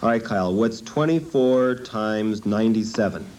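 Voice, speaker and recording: A man's voice: fairly low pitch, normal speed, a little mellow. A man presenting an infomercial on location, informally quizzing people and sounding amused and impressed. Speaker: presenter testing students. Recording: noisy room on location.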